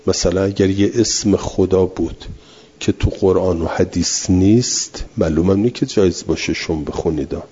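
A man's voice: low voice, warm tone, breathy edge. A man teaching a class, reading a text aloud and then explaining it patiently with repetition and answering students. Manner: answers students' questions directly. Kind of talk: classroom lecture on scripture. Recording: dull lo-fi recording.

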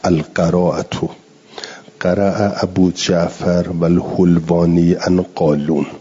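In a dull, lo-fi recording of a classroom lecture on Quran readings, a deep-voiced man with a husky, dark tone teaches recitation. He takes his time, stretching out Arabic words to demonstrate how they're pronounced.

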